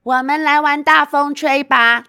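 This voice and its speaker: A woman's voice: sits high, steady tone, a little slow, bright, forceful tone, no room sound, clean studio sound, voice pushed up, heavily acted. A woman voicing an eager antelope who organizes the game in a children's storybook, explaining things in an instructive way.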